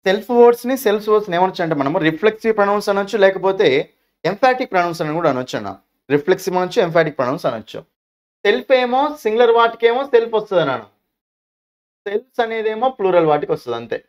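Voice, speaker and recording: Fast-talking man teaching. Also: high-pitched. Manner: repeats each point, asks rhetorical questions, calls students "nanna". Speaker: English teacher. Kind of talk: exam-prep grammar lesson.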